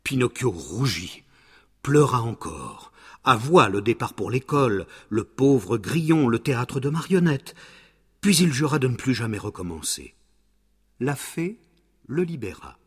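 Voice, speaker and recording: A man narrating a children's story in a dramatic storybook manner, slowing down for suspense. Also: medium pitch, big pitch swings, slightly rough. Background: soft background music.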